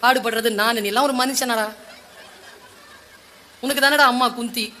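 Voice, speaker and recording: A woman voicing the young warrior prince Arjuna in a low, hushed, respectful tone. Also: fairly even intonation, unhurried, a little hiss or hum. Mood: bitter.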